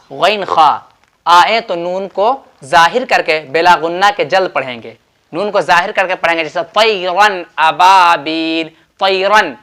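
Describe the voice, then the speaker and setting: A man's voice: sits high, pushed and bright. A man with an Urdu accent giving a tajweed lesson at a board, explaining patiently, repeating himself, drawing out sample words and quizzing his students. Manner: repetitive, patient explaining with drawn-out sample words and quiz questions. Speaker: Quran recitation teacher.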